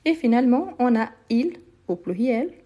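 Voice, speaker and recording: A woman's voice: on the high side, big pitch swings, normal speed, mellow, highs cut off. A woman teaching French on a live online lesson. She speaks patiently, repeats each word and often praises her learners.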